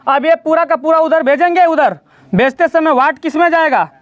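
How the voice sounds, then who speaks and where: A man's voice: very high-pitched, normal speed, dry recording, studio quality. Male teacher quizzing his class. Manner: explains step by step, often quizzing the class. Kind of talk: classroom grammar lesson. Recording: dull lo-fi sound.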